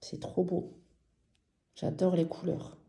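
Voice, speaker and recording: A French woman chatting casually and enthusiastically about her embroidery projects in a vlog, slow and gentle with many fillers. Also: fairly low pitch, little pitch movement, echoey room. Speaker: embroidery vlogger. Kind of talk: casual show-and-tell vlog.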